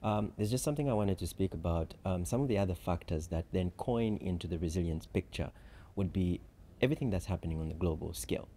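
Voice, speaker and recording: A man from Zambia, a chief risk officer answering interview questions at a conference in measured, structured explanations. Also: low-pitched, dark tone, a little hiss or hum.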